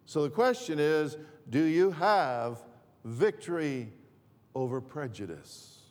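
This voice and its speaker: A man preaching a sermon as pastor, repeating and restarting his phrases in a deliberate way. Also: fairly high pitch, lively intonation, darkish tone, big-room sound. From northern Greece.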